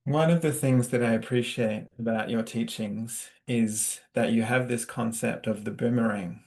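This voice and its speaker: Australian male host, relaxed conversational interviewer, flat and even delivery, lots of ums. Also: medium pitch, a little slow. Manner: warm-hearted, hesitant, with many fillers and laughs. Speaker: podcast host.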